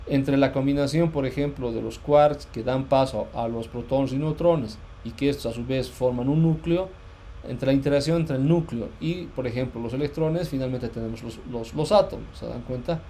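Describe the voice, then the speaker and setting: Male physics lecturer, mellow tone, hesitant and repetitive delivery, slight noise in the recording. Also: medium pitch, normal speed. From Bolivia. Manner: hesitant, many fillers and restarts, checks understanding often. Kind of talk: university lecture.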